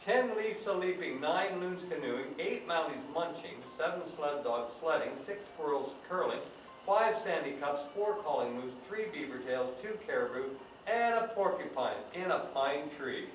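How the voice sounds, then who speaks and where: A man's voice: fairly high pitch, expressive, moderate pace, close to an everyday voice. A man playing Santa Claus as a jolly, folksy storytime host, reading storybooks aloud to children with chatty asides. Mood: jolly, playful. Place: echoey indoor room, away from the mic. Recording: very echoey room, distant mic, faint noise.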